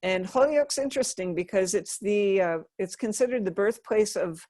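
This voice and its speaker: A woman's voice: medium pitch, lively intonation, moderate pace, a little mellow, no echo, clean studio sound. A middle-aged woman from Western Massachusetts, chatting and laughing as she tells stories in an interview. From Western Massachusetts, USA. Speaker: interview guest. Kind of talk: casual storytelling.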